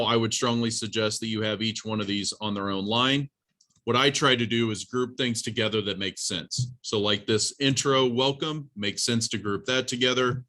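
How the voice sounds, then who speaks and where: A man with a pushed, bright, mid-range voice teaches an informal college programming class. He talks through a live demonstration plainly and instructively, addressing the students directly.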